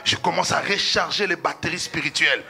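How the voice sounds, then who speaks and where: High, intensely bright fervent preacher man. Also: brisk, creaky. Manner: fervent preaching, bursts into shouts. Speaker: pastor. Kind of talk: sermon. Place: church.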